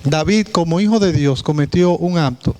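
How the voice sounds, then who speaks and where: A man's voice: moderate pace, darkish tone, low-quality recording. Emphatic man preaching a sermon. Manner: preaching with rhetorical questions to the congregation; emphatic, pitch dropping on key words. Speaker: pastor. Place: church.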